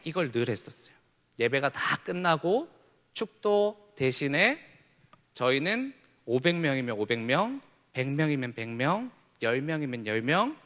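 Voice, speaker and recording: Animated young pastor in a reverberant hall. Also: male voice, a little high. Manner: animated, swings between hushed asides and loud shouted slogans. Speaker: youth pastor. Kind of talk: sermon to teenagers. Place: church sanctuary.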